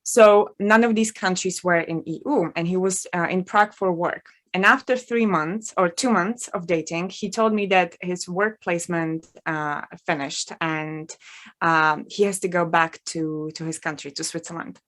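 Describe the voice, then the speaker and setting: A woman from the in her thirties, a guest telling her own story in an interview, frank and animated, with many fillers. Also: fairly low pitch, normal speed. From Czech Republic.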